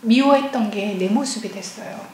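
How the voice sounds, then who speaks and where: A woman giving a personal testimony as a church deaconess, speaking earnestly and often dropping to a hushed, near-whispered voice. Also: mid-range voice, normal speed, slight background noise. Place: church hall. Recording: echoey church hall recording.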